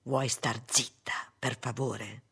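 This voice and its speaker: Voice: medium pitch, expressive, moderate pace, a little mellow, natural voice. A reader voicing a weary, withdrawn husband and father who speaks curtly in an audiobook. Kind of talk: audiobook reading.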